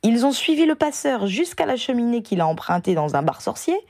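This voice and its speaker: A woman's voice: on the high side, fairly quick, no echo, clean studio sound, pitched above the performer's own voice. Woman doing an eager young witch. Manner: eager, animated. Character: young adult female auror, lively and brave.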